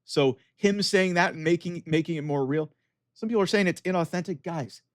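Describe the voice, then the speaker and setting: A man's voice: fairly high pitch, fairly quick, no room sound, studio quality. A man giving casual, opinionated video commentary, arguing his points emphatically and directly to his viewers. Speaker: wrestling commentator with an online channel.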